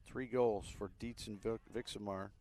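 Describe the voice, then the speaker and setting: A man with a fairly low voice calls a soccer match live. His delivery is relaxed and conversational, with plenty of fillers between the plays. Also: moderate pace, a little hiss or hum. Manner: relaxed, chatty, with frequent fillers. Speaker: play-by-play commentator.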